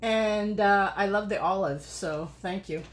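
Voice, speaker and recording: A woman's voice: medium pitch, unhurried, roomy sound. A woman hosting a casual cooking livestream, chatting and rambling as she cooks and laughing often. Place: home kitchen.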